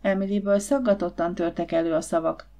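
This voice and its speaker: A woman narrating a novel as an audiobook in an even, measured reading. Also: lowish voice. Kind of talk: scripted narration.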